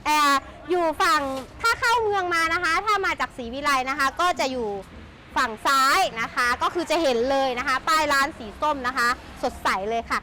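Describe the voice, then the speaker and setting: A motorbike shop's sales host, a woman with a strikingly high, sharp-toned voice, walks around at a moderate pace, animated and enthusiastically gushing over the stock. It's a noisy handheld recording with vehicles audible behind her.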